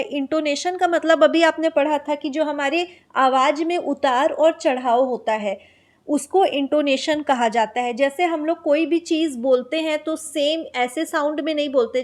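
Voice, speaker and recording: High-voiced woman teaching in Hindi. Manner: explains in Hindi, reads English notes slowly; asks and answers her own questions. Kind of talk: exam-prep lecture.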